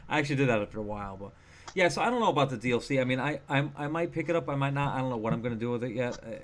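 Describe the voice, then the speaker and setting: A man's voice: medium pitch, animated, very fast. A man co-hosting a gaming podcast, chatting casually and rambling with lots of fillers and restarts. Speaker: podcast co-host. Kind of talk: casual chat.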